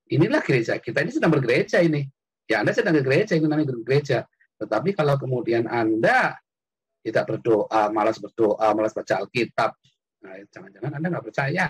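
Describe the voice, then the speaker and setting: A man hosting an online call-in, preaching casually and answering a caller with animated, lively delivery. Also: husky. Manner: animated, jumps high when quoting or shouting. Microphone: computer mic on an online call.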